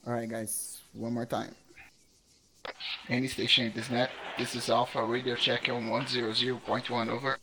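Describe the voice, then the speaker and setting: A man's voice: mid-range voice, level tone, normal speed, sharp tone, slight background noise, rough recording. A man doing military radio procedure and some casual talk as a trainee in a game. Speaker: trainee acting as radio net lead.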